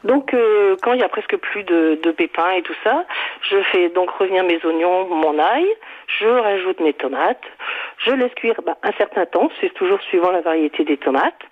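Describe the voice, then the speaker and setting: A woman calling in to a radio show and explaining a recipe in a halting way, correcting herself as she goes. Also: on the low side, animated. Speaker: caller. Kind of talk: call-in recipe chat. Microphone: telephone. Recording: tinny phone line.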